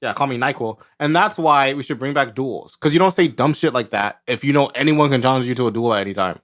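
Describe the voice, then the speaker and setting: A man's voice: medium pitch, quick pace, fairly bright tone. A man hosting a podcast, chatting casually before a tabletop game and ranting in mock outrage, swearing freely. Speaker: podcast host.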